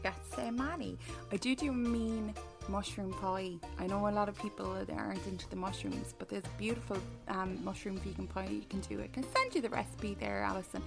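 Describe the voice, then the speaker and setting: A woman chats as a podcast co-host in a comic, self-mocking way. Her pitch is middling and her stories ramble loosely, with faint music underneath. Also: lively intonation, brisk, gravelly. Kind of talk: casual comic chat.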